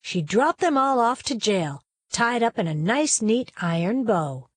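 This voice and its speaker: A woman reads a storybook aloud in an expressive, folksy way, pressing on key words for dramatic effect. Her voice is slightly high and a little slow, and the recording is dry and close with no room sound.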